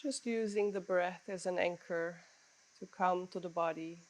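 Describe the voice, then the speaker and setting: A woman with a fairly low voice leads a guided breath-counting meditation. She instructs in a measured, unhurried way, leaving pauses between her phrases. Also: fairly even intonation, rough recording.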